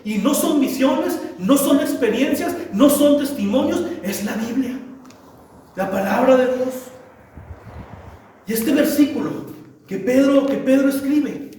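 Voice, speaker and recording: A man's voice: very high voice, lively intonation, unhurried, pauses often, dark tone, a little hiss or hum. A man preaching a sermon as pastor, emphatic, repeating phrases and asking rhetorical questions. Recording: echoey church hall, mic at a distance.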